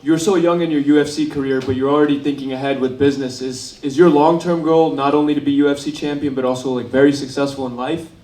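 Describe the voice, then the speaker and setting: A man's voice: a little high, fairly even intonation, quick pace, few pauses, darkish tone. A man asking questions as a reporter during a press interview. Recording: roomy, echoing sound.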